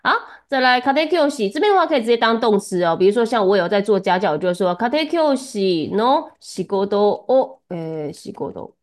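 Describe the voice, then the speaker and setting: A woman's voice: mid-range voice, animated, a little fast, few pauses, a little mellow. A woman giving a one-on-one Japanese lesson, chatty and laughing often as she coaches pronunciation. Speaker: Japanese tutor.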